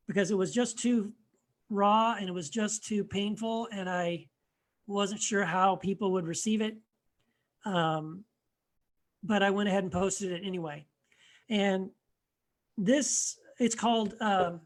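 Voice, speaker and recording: A man, an author and blogger, introducing his writing in a casual, hesitant way with frequent pauses and restarts, his voice often trailing off quietly. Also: high-pitched. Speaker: author and blogger, guest reader.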